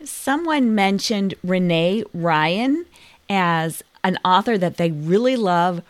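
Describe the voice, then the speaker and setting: A woman with a fairly low speaking voice hosts a book podcast, sharing recommendations with eager, conversational enthusiasm. The sound is close and dry, with no room echo. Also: animated, slow. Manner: enthusiastic, chatty. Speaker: podcast host. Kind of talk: casual book recommendation talk.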